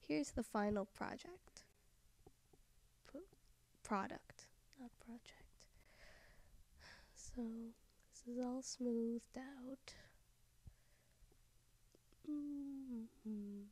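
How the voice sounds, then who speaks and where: A soft-spoken woman giving a software tutorial voice-over, often trailing off into a whisper. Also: on the high side, takes it slowly, pauses often, no room sound.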